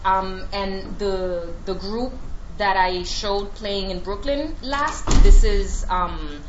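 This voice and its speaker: A woman scholar delivers a lecture, moving between prepared remarks with frequent hesitant pauses. The recording is roomy and somewhat dull, with a faint hum of ambience. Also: medium pitch, a bit bright. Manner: halting, with frequent "um" pauses between read passages. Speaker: academic lecturer and researcher.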